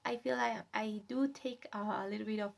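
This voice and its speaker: A young woman whose first language is Spanish, talking in a soft, gentle, reflective way in a casual self-care vlog, sometimes dropping to a whisper. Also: a little high, steady tone, a little fast, creaky. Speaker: vlogger.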